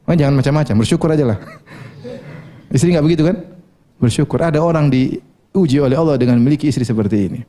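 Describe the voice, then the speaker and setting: A man's voice: a little high, fast talker, long pauses, dark tone. A male preacher giving a sermon, asking the audience questions, answering them himself, and quoting Arabic scripture with translations.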